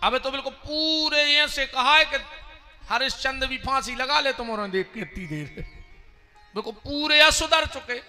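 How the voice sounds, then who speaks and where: Bundeli-accented male preacher; very bright, unhurried delivery; faint music behind him in a reverberant hall. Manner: slow, high and bright voice, singing in drawn-out lines. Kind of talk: devotional sermon with sung bhajan. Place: large tent hall with a seated audience.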